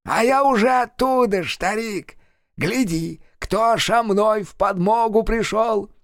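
A man doing a shrill toothless jeering ex-chairman. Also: vocal fry, no echo, clean studio sound, heavily acted. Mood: pompous. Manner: drawn-out jeering, pompous when proclaiming. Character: toothless unhinged male village ex-chairman, servant of a witch.

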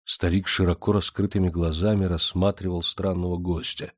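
A man giving scripted audiobook narration in an even storytelling manner. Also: low-pitched, moderate pace, no room sound, studio quality.

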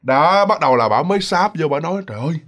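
Animated male storyteller. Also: on the high side, fast. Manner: animated, talks straight to listeners. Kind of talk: spoken ghost story narration.

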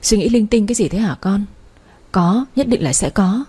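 A woman's voice: mid-range voice, lively intonation, moderate pace, warm tone, breathy edge. A woman voicing a caring older mother who scolds her daughter fondly on the phone.

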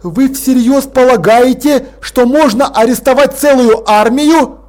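A man voicing a composed foreign prince who speaks in a measured, cool manner. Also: extremely high pitch, a little mellow, pitched above the performer's own voice. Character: calm cool-headed male foreign prince.

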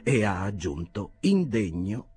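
A man's voice: lowish voice, sing-song, slow pace, darkish tone. A man voicing a stiff, formal army officer in a read-aloud novel. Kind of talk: audiobook character voice.

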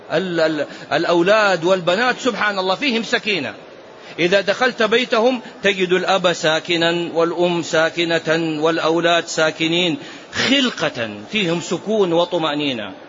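A man teaching a religious lesson as a sheikh, telling stories and urging his listeners with animated exhortations. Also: high-pitched. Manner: animated storytelling with urgent exhortations. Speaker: sheikh teaching a hadith book. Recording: dull lo-fi recording, faint hiss.

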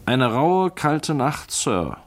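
A man voicing a brisk, plain-spoken young manservant in a radio reading, speaking higher and livelier than the narration. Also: big pitch swings, exaggerated voice. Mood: reporting.

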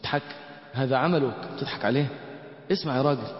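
A man with an Egyptian accent giving a colloquial sermon. He questions the congregation directly, swinging between loud, emphatic lines and soft, slow chanted recitation. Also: medium pitch. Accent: Egyptian Arabic. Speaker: preacher. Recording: echoey hall, dull lo-fi sound.

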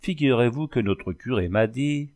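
A man's voice: medium pitch, lively intonation, normal speed, a little mellow, natural voice. A man reading the part of a tipsy, pompous village mayor in a storybook, talking in a chatty, self-satisfied, folksy way. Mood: boastful.

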